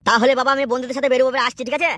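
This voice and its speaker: A man voicing a stubborn young man in a comic cartoon, defiant and insistent, in a pitched-up voice. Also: flat delivery, rapid-fire, pushed and bright. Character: stubborn young man obsessed with a neighbor's wife.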